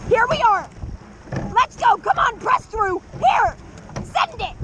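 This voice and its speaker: Loud wind, water and rowing clicks surround a young woman coxswain in a boat. She shouts short, repetitive commands at a very high pitch. Her calls are urgent and motivational, with drawn-out, measured spacing. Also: sing-song. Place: outdoors in a boat on open water.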